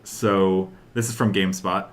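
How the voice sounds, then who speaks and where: Low-pitched and level in tone, a young adult podcast co-host talks a little slowly. Still, he's enthusiastic, rambling casually and hesitantly about games and movies.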